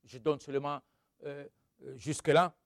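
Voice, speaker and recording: A man preaching a sermon who reads scripture, exclaims hallelujah and questions his congregation, swinging from loud outbursts to quiet asides. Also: on the high side, little pitch movement, normal speed, gravelly, no room sound, studio quality.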